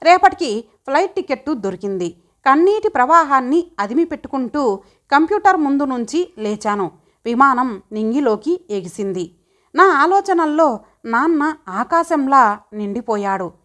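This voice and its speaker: A woman narrating an audiobook story in an expressive storytelling manner. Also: high-pitched, normal speed.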